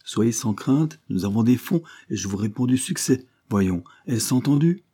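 Man reading as a pushy, persuasive male agent, raised and urgent, mellow voice underneath. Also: mid-range voice, lively intonation, normal speed, voice pushed up, natural voice. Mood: pressing. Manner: urgent, pressing tone. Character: insistent male political agent, pressing and persuasive.

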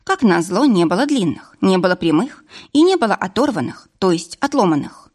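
Expressive woman reading an audiobook. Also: mid-range voice, a little fast. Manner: expressive, lively storytelling. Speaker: audiobook narrator. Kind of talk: audiobook narration.

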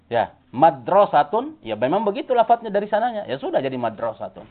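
A man's voice: high-pitched, very animated, a little fast, slight background noise. A man teaching an Arabic grammar class, explaining step by step and checking whether the class understands. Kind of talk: classroom lesson. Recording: tinny phone-like audio.

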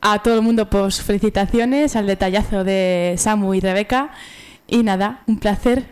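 A woman's voice: mid-range voice, normal speed, darkish tone, clean tone. A woman co-hosting a radio show, cheerfully thanking listeners. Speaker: radio co-host. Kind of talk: casual radio chat.

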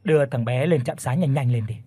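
Guy as a worried old grandpa, urgent and husky, narrated ghost story. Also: medium pitch, brisk, dark tone, dry recording, faint music behind, natural voice. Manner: urgent, wondering.

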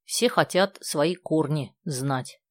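A woman reads a self-assured teenage boy in an audiobook, argumentative and sure of himself. Her voice stays low and close to her own, with a dry, close sound. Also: slow, dry recording. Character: confident, opinionated teenage boy.

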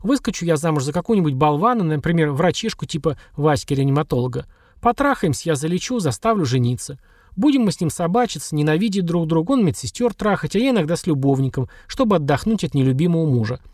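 Guy reading as a tough young street-raised nurse, coarse slang, kinda higher and bouncy. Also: expressive, quick pace, a little mellow, dry recording, studio quality. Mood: weary. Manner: coarse slangy speech, wry chuckles. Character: streetwise young woman nurse, blunt and earthy. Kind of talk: audiobook dialogue.

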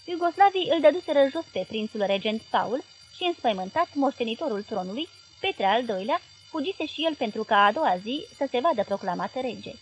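A woman's voice: on the high side, expressive, soft background music, poor audio. Woman narrating a literary audiobook.

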